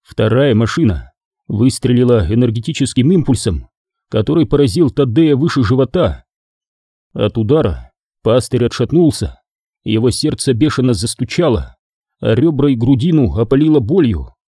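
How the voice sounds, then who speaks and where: A man narrating a science-fiction battle novel as an audiobook in a measured, even storytelling manner. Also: mid-range voice, breathy edge, dry recording, studio quality.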